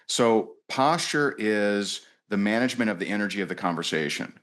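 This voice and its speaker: A man guest on a podcast, telling a sales story in a lively, casual way and acting out the voices of the people in it. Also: lowish voice, moderate pace. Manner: animated storyteller, acts out quoted voices, many restarts.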